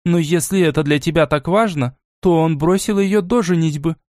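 A man voicing a stern, aristocratic old grandmother in an audiobook, speaking in a measured, cool and commanding way. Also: a little high, a little mellow, dry recording, studio quality, voice pushed up, close to an everyday voice. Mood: angry.

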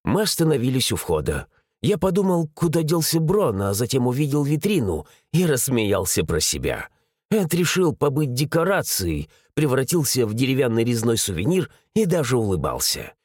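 A man narrating a first-person adventure audiobook in an animated, dramatic reading. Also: medium pitch, normal speed, breathy edge, no echo, clean studio sound.

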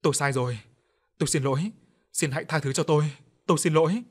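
A man's voice: fairly high pitch, fast talker, breathy edge. A man voicing a guilty village healer who sobs and begs for forgiveness, in an audio story. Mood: desperate pleading. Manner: sobbing, desperate pleading.

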